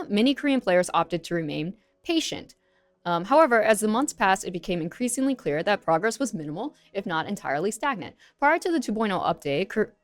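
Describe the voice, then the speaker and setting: A young woman streamer, a native English speaker, reacts to an article, reading it aloud casually and then commenting in a chatty way full of fillers. Her voice is mid-range, recorded with no echo.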